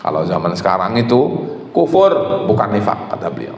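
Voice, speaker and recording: A man giving a religious lecture, explaining texts and speaking directly to his audience with animated retelling. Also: low-pitched, fast. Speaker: preacher. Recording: echoey hall with faint ambience.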